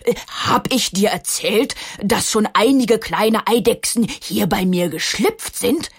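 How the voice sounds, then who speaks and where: A woman voicing a big, heavy male stone with a gruff, grumbling but friendly manner in a children's story. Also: medium pitch, animated, measured pace, heavily acted.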